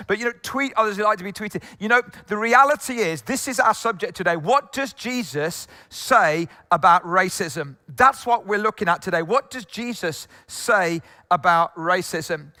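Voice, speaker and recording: Middle-aged male pastor, chatty sermon style with fillers, high bright voice, long hall reverb. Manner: jokey, conversational preaching with frequent fillers. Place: church hall.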